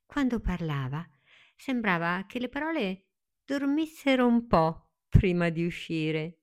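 A woman narrating a children's story in a gentle, expressive, unhurried read-aloud manner. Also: mid-range voice.

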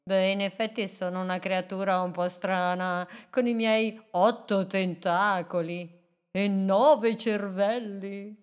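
Kind bashful octopus for a storybook, gentle and drawn-out, a woman voicing a male character, slow delivery. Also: medium pitch, steady tone, lightly acted. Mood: kindly.

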